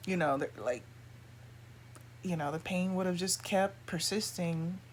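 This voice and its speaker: Casual female vlogger, lower-than-average pitch, loose confiding chat, faint background noise. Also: unhurried.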